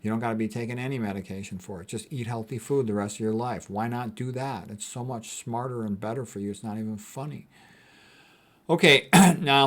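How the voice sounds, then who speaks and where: In an informal lecture, a man who is a physician comments on quotes with blunt, dismissive, colloquial remarks, restating his points forcefully. His voice is medium in pitch.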